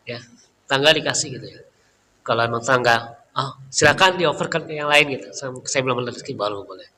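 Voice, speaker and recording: A middle-aged man giving a relaxed, chatty Islamic study talk in a mosque, often tagging his sentences with filler words. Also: mid-range voice, a little hiss or hum. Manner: chatty, leans on filler tags. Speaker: Islamic preacher. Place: mosque hall. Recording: reverberant hall, faint room ambience.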